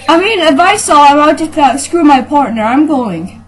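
A woman giving casual let's-play commentary on a horror game, excitable and yelling in fright when chased. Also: sits high, a little fast, low-quality recording. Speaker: gamer playing a horror game.

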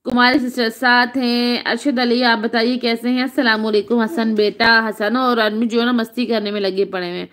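High-voiced Pakistani woman hosting a live stream. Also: level tone, moderate pace, hardly any pauses. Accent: Pakistani Urdu. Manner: greets viewers by name, chatty and warm. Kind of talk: casual live-stream chat reading comments. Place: home, indoors. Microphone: phone on tripod.

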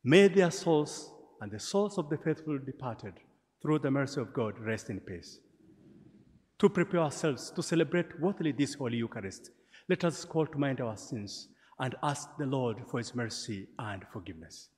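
A man's voice: mid-range voice, lively intonation, moderate pace, a little mellow. Tanzanian guy in his 40s, priest saying mass, big cathedral echo on his voice. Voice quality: echoing cathedral sound. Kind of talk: leading Mass, greeting and prayers. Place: large stone church, before a congregation. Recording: long echoing church reverb.

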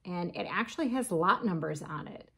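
Woman in her 40s, casual crochet vlogger, chatty and giggly, light vocal fry, home kitchen. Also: on the low side, animated, moderate pace. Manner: chatty, laughs often, reads labels aloud. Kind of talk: casual yarn haul chat.

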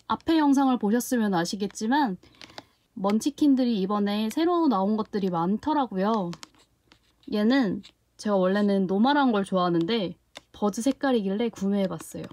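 A young woman reviewing a toy container in a casual unboxing vlog, often gasping and exclaiming in delight as she handles it. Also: mid-range voice. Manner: excited gasps and exclamations while handling the product.

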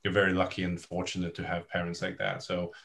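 A young man who grew up in the United Kingdom, hosting a podcast over a video call from a home office, encouraging his guest and pausing often with "um". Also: deep voice, completely flat delivery, gravelly. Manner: warm, encouraging, halting with "um". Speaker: podcast host. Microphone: video call webcam.

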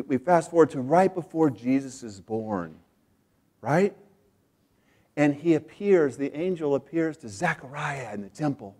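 An American man preaching a sermon as pastor, repeating phrases for emphasis and swinging from hushed asides to loud, excited peaks. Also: medium pitch.

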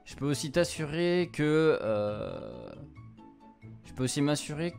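A young man streaming a visual novel gives relaxed gameplay commentary over game music, translating as he goes in slangy, informal speech laced with English words. His rather high voice swings widely in pitch, moves slowly, and carries vocal fry with a somewhat dark tone.

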